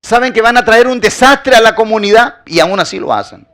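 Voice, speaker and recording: High-voiced preaching pastor. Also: male voice, a little fast, a bit bright. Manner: preaching with rhetorical questions and emphatic repetition. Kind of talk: sermon.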